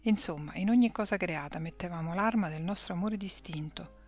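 A woman reading a devotional text aloud in a slow, measured way, some phrases dropping to a whisper. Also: on the low side, darkish tone, soft background music. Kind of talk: devout scripture-style reading aloud.

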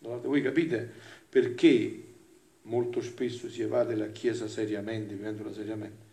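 Man, friar, sermon, gravelly voice, rhetorical questions, quiet then forceful, echoey room. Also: on the low side, level tone, normal speed. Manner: swings from quiet asides to loud emphatic passages. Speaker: friar preacher.

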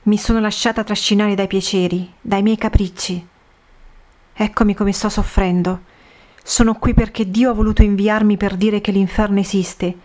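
A woman voicing a young damned female soul, bitter and tormented, in a slow, solemn reading of a religious vision story. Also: mid-range voice, fairly even intonation, a little mellow, lightly acted. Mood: lamenting. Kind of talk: scripted narration of a religious vision.

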